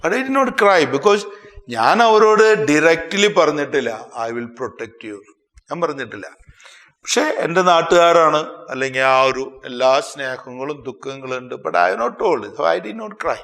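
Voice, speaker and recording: Expressive Malayali priest in an echoey hall. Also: male voice, gravelly. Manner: expressive, with sudden swings in pitch and loudness; slows down sharply to stress phrases. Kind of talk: sermon.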